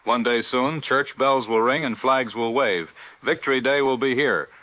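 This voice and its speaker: A man's voice: mid-range voice, moderate pace, bright, forceful tone. A man playing a radio announcer, reading an ad and station identification in a formal, upbeat way through an AM radio broadcast sound. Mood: rousing. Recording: dull lo-fi dry radio sound.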